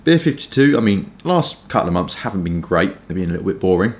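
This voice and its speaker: A man from Kent with a southern English accent, chatting informally and hesitantly in a rambling casual review, with stop-start pauses. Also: low voice, big pitch swings. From Kent, England. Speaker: pipe tobacco reviewer.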